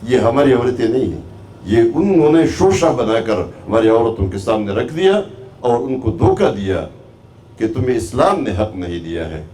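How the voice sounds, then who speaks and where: A man's voice: mid-range voice, big pitch swings, warm tone, slight background noise. A man giving an Islamic lecture to a class as a religious teacher, asking the listeners rhetorical questions and rising to stress his points. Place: class hall.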